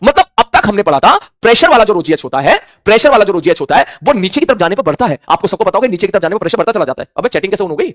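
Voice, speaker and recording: In a classroom physics lecture, a man speaks Hindi peppered with English terms, acting out his students' questions as dialogue. His high voice is sing-song and fairly bright, rushing along with hardly any pauses, recorded in studio quality with no echo.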